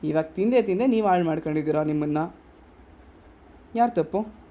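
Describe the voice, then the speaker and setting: A young man with a Kannada accent speaks to a workshop audience, firing rhetorical questions and scolding them. His voice sits a little high but stays soft and mellow. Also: normal speed. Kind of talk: motivational workshop talk.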